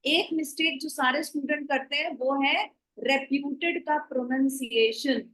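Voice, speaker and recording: High-voiced woman teaching online. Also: a little slow, a bit bright, poor audio. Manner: mixes Hindi and English, gives instructions. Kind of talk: online class lecture.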